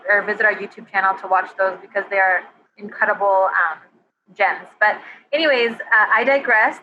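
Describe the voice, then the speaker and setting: A woman's voice: mid-range voice, bright, forceful tone. A woman moderating a live webinar, reading out episode titles and audience questions in a friendly, organized way. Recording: dull lo-fi audio with faint background noise.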